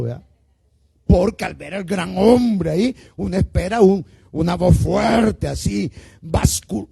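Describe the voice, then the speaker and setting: A man's voice: high voice, vocal fry, slightly rough. A male pastor with a Salvadoran Spanish accent preaching a sermon, asking the congregation questions and calling them "hermano", stretching out words for emphasis. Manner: drawn-out emphatic words, swinging between loud and quiet. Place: church service.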